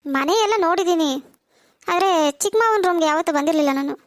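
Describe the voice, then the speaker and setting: A shy, polite young woman in a cartoon, voiced by a woman speaks in a very high, light voice. She sounds soft-spoken, and the recording is dry and close. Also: fast talker, no room sound. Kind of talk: cartoon voice acting.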